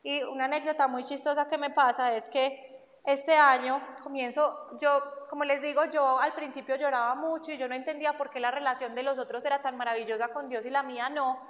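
A young woman gives an emphatic personal faith testimony. She repeats key phrases and acts out the dialogue she recounts. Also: high-pitched. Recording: dull recording with long hall reverb.

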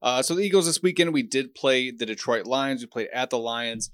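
A man's voice: mid-range voice, fairly bright tone, clean tone, no echo, studio quality. Laid-back man co-hosting a podcast. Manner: laid-back, measured, with frequent restarts. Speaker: podcast co-host. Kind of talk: casual sports podcast chat.

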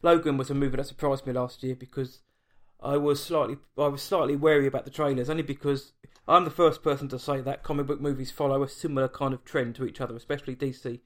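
A man's voice: medium pitch, fairly even intonation, quick pace. Chatty English man hosting an interview. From England. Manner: chatty, self-deprecating, with restarts. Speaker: podcast host. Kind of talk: casual interview chat. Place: home, late at night.

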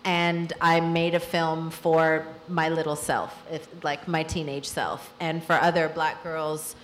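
A woman's voice: deep voice, fairly even intonation, slow pace, roomy sound, slight background noise. A woman film director answering questions at a live Q&A, telling her story in a candid, reflective way.

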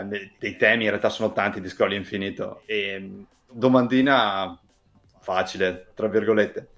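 A man hosting a podcast interview, affirming his guest and adding musing asides. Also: lowish voice. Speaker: podcast host.

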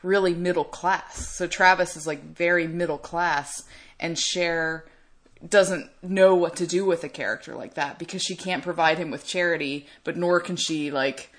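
A woman's voice: fairly low pitch, normal speed. A woman co-hosting a casual podcast chat, working through her points in a thoughtful, analytical way. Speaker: podcast co-host.

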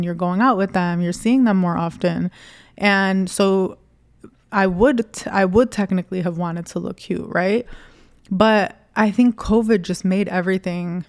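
A woman in her thirties chats on her solo podcast in a smooth, clear voice, recorded close and dry. She talks candidly and loosely, full of "like" and little jokes at her own expense. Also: medium pitch, darkish tone, dry recording. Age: 30s. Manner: chatty, candid, self-deprecating with filler "like". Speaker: podcast host. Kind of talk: casual solo podcast talk.

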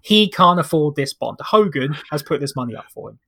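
British bloke hosting a casual podcast, bit high voiced, jokey and sarcastic. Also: male voice, big pitch swings, a little fast, creaky, pushed and bright. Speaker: podcast host. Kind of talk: casual comedic wrestling review chat.

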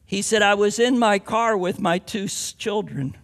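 A man's voice: high-pitched, normal speed, a bit bright. A man preaching a sermon as a pastor, mixing scripture with homely stories and rising to emphatic declarations.

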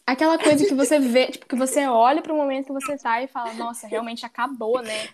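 A teenage girl from Brazil, a high school student, rambling in casual chat. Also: fast talker, darkish tone. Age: teens. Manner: rambling, heavy on fillers.

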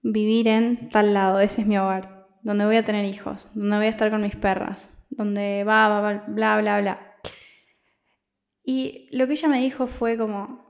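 A woman's voice: medium pitch, flat delivery, unhurried, gravelly, lo-fi sound. A young Argentine woman hosting her podcast, talking in a rambling, confiding personal monologue with many restarts. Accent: Argentine Spanish. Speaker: podcast host.

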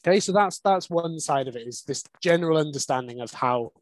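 A man's voice: on the high side, lively intonation, a little fast, no room sound, rough recording. Man, dry close sound. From Wales. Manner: candid, conversational, explains at length. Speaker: dog behaviourist. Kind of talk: podcast interview.

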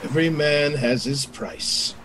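A man's voice: a little high, measured pace, a bit bright, a little hiss or hum, poor audio. A man playing a weary, wry gunman in an audio drama, grumbling sardonically. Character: weary, wry gunman who has had enough.

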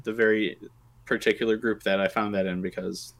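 A man co-hosts a casual tabletop gaming podcast, telling rambling stories and interrupting himself with lots of restarts. His lowish voice is brisk, with little pitch movement, vocal fry, and a bit of brightness. Slight background noise is present.

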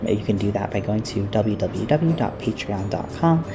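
A woman podcast host reading mid-roll announcements in a relaxed, chatty way full of ums, recorded at work away from her usual setup in lower-quality audio. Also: moderate pace, over music. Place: workplace, not the usual studio.

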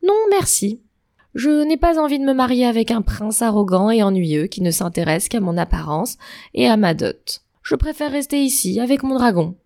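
A woman's voice: a little high, expressive, normal speed, gravelly, darkish tone, dry recording, clean studio sound, pitched above the performer's own voice. A woman doing a bored young storybook princess. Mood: airy defiant.

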